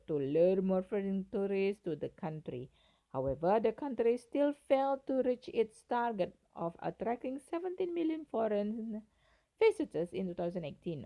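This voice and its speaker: A woman's voice: medium pitch, dark tone, rough recording. A woman with an Indonesian accent reads a written essay aloud, carefully and with the occasional stumble.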